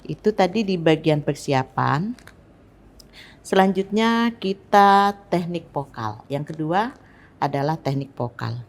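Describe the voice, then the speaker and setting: Woman, low pitch, from Palembang, teacher, slow deliberate delivery, demonstrates intonation. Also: lively intonation. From Palembang, Indonesia. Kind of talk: instructional lesson on recitation technique.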